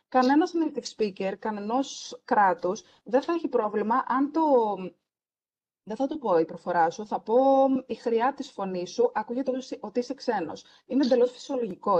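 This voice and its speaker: A woman's voice: mid-range voice, darkish tone, slight background noise. A woman hosting a casual podcast conversation, talking earnestly and emphatically and slipping English words into her speech. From Greece. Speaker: French teacher and podcast host.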